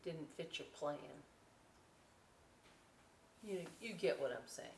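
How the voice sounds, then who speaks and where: This story time host has a deep, slightly mellow voice with lively intonation and a slow pace. She's a librarian reading a picture book aloud to kids, chatting conversationally through the pictures. Captured from a distance, the audio is roomy with noticeable noise.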